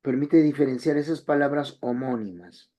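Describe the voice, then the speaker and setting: A man's voice: mid-range voice, moderate pace, dark tone. A man teaching an online language class, explaining step by step and repeating key phrases.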